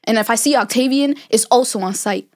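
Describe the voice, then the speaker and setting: A woman's voice: fairly high pitch, brisk, close to an everyday voice. A young woman playing Cleopatra as a brash, boastful Egyptian queen who talks in modern slang and drawls her points. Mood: sassy. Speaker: student playing an interviewee. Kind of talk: school project role-play interview.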